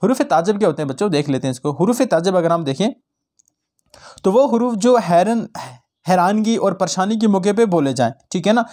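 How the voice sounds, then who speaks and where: A man's voice: high-pitched, darkish tone. A man teaching a grammar lesson to students, explaining terms and acting out short example phrases, mixing in English words. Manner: explains in Hindi-Urdu mixed with English words; acts out short example exclamations.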